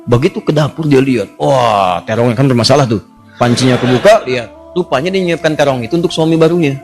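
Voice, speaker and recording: A man preaching a storytelling sermon in a lively way, voicing the characters and asking the congregation questions. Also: fast talker, over music. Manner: lively, jumps to high voices for characters, asks the audience questions.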